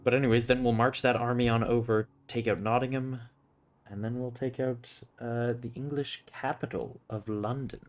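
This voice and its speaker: A man's voice: mid-range voice, fairly even intonation, moderate pace. A man giving casual commentary as he plays a video game.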